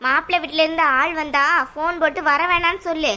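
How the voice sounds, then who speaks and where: A woman's voice: high voice, fairly even intonation, quick pace. Woman voicing a defiant hot-tempered younger sister. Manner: sharp, defiant, argumentative. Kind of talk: cartoon voice acting.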